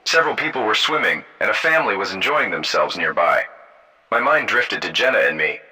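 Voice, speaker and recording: Male story narrator, low voice, lively and steady delivery. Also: fairly quick, poor audio. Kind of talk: first-person story narration.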